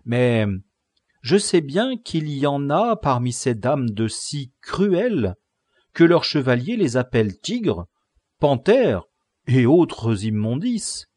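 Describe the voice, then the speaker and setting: A man's voice: medium pitch, very animated, takes it slowly, darkish tone, no echo, pitched above the performer's own voice. A man voicing an innkeeper's shy, naive young daughter in an audiobook, speaking hesitantly and earnestly.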